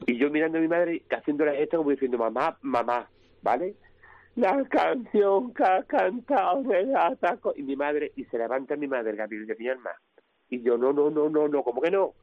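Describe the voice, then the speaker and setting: A man from Cádiz province with an Andalusian accent, a comedian telling lively anecdotes in a radio interview, acting out the people in them. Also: medium pitch, a little fast, dry recording, phone-quality sound. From Cádiz province, Spain. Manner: lively anecdotes, mimics his mother's voice. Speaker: comedian guest. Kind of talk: animated storytelling in a radio interview.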